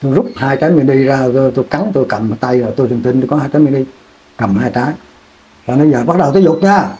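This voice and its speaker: A man's voice: medium pitch, fast talker, mellow. A man, recalling his war years in an interview, rambling and repeating words as he restarts sentences. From Vietnam. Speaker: veteran interviewee. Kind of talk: oral history war recollection.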